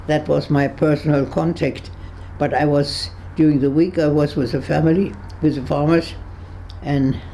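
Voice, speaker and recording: A woman past one hundred, originally from Berlin, Germany, recalls her past in an interview at her home on a kibbutz. Her low, gravelly, mellow voice halts as she searches for words and often restarts, yet she laughs easily with a dry humor. Slight background noise is present.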